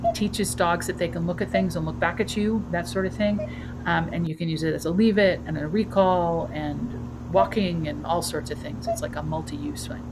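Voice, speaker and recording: A woman's voice: on the low side, steady tone, normal speed, background noise. A woman, a dog trainer presenting a webinar in a chatty way, now and then putting on playful voices for dogs.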